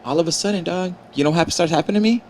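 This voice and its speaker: A man with a slight stutter hosts a loose podcast chat in a barbershop, joking and swearing as he goes. His voice sits a little high. A crowd of voices murmurs clearly behind him. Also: very fast. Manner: joking, teasing, swears freely. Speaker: podcast host. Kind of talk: casual chat.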